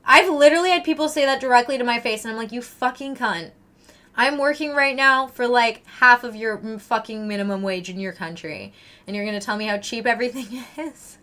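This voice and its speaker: A young Canadian woman chatting casually with her livestream viewers, ranting and swearing freely in an animated way. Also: on the high side, a little fast.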